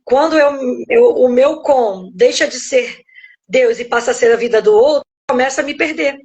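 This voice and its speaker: A woman's voice: high voice, normal speed, darkish tone. A middle-aged woman pastor with a Brazilian Portuguese accent, giving a reflective devotional teaching from home over a phone on a live stream, checking in with her listeners as she goes. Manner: reflective, explains step by step, keeps checking in with "né?". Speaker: pastor and guest speaker.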